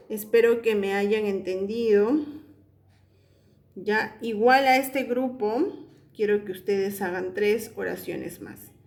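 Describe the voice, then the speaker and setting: A woman, an English teacher explaining homework step by step into a phone she holds, slowing down to spell out each English example. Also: fairly high pitch, darkish tone. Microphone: phone held in hand.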